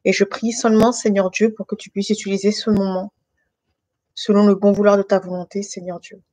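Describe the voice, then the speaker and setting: A woman's voice: medium pitch, flat delivery, a little fast, dark tone, no echo. A woman born in France to Guinean parents, speaking casually and with many hesitations while she gives a faith testimony and leads a prayer over an online call from her living room. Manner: hesitant, many fillers and restarts. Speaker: guest giving a faith testimony.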